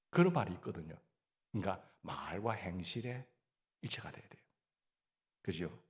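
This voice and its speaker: A man's voice: low voice, expressive, unhurried, pauses often. A man with a Gyeongsang Korean accent preaching a sermon as pastor, asking the congregation questions and answering them himself.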